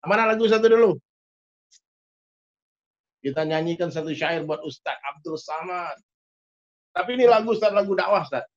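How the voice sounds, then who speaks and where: A man with a Riau Malay accent, a guest musician telling a story in an animated way and often addressing his host. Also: high-pitched, normal speed, pauses often, dull audio. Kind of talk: storytelling in conversation.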